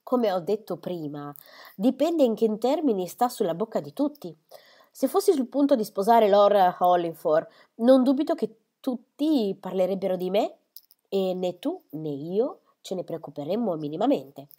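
A woman's voice: medium pitch, sing-song, warm tone. A woman reading a novel aloud, voicing a proud, defiant young woman who answers her mother back. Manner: defiant, quick to justify herself.

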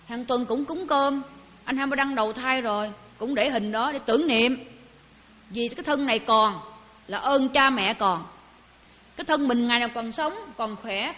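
Woman giving a buddhist dharma talk, high voice, long hall reverb. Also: fairly bright tone. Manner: conversational, asks the audience questions. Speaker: Buddhist teacher.

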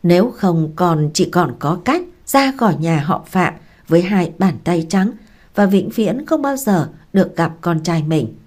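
A woman voices a strict, quick-tempered elderly matriarch in an audiobook. She issues orders and scolds in a lowish, commanding tone. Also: lively intonation, a little mellow. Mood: grave.

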